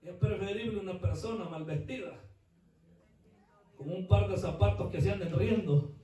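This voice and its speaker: A male pastor from El Salvador preaching a sermon, swinging between quiet asides and shouted outbursts with rhetorical questions. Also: high-pitched, normal speed. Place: church. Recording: echoey church hall, mic at a distance.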